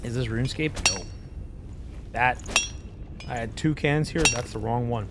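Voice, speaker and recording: A man doing casual live game commentary for his chat, profane and excitable in his talk. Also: mid-range voice, a little slow, heavy background noise. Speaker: game streamer. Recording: game music behind voice.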